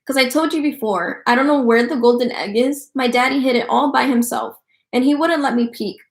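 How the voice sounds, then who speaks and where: A woman's voice: high voice, a little fast. A woman doing a bragging spoiled rich girl. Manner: boastful, bouncy and eager. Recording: roomy echo.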